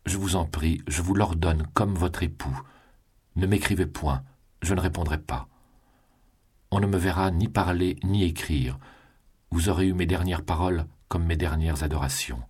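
A man reading the part of a proud, resigned condemned young man in a grave, measured voice. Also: deep voice, darkish tone, breathy edge.

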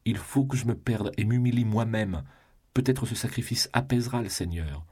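A man's voice: sits low, a little slow, darkish tone, breathy edge, full character voice. A man voicing a devout, guilt-stricken noblewoman and mother who pleads and drops into whispers. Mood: desperate pleading.

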